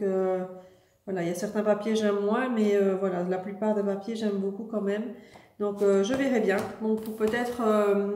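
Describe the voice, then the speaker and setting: A woman showing off her shopping haul in a casual, chatty way, often pausing and hesitating as she talks. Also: mid-range voice, reverberant, a little hiss or hum. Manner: relaxed, chatty, many hesitations.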